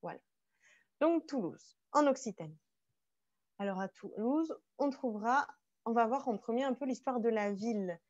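A woman's voice: fairly high pitch, expressive, moderate pace, pauses often, a little mellow, dry recording, lo-fi sound. A woman from France teaching a bilingual online class, explaining each French phrase again in Spanish.

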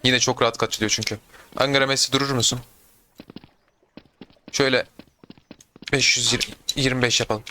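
Excitable young gamer man, bright voice. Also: medium pitch, normal speed, pauses often, slight background noise. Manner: excitable, talking to himself and viewers while playing, sudden yelps. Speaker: gaming YouTuber. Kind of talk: gameplay commentary.

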